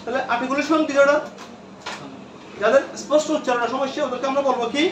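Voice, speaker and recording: A man's voice: very high-pitched, fairly even intonation, fast, a bit bright, a little hiss or hum. A male teacher lecturing a classroom, repeating terms and quizzing his students. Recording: echoey room from far off.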